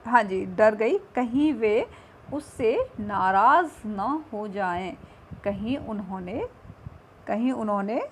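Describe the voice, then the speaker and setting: A woman's voice: medium pitch, expressive, slow, a little hiss or hum. A woman teacher reading and explaining a textbook lesson, patient and repetitive, often checking in with her pupils.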